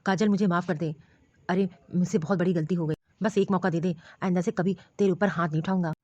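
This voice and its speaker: A woman's voice: lowish voice, steady tone, quick pace, darkish tone, lightly acted. A woman voicing an apologetic grown son in a cartoon story, pleading. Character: repentant grown son, defensive then sorry. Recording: dull lo-fi dry recording.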